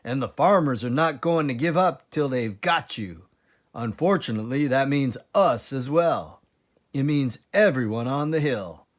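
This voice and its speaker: An anxious storybook badger , put on by a man, desperate and fretful. His dramatic exclamations swing widely in pitch, yet the words are drawn out. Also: animated, unhurried, close to an everyday voice. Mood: furious. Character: excitable, anxious father badger, hungry and desperate.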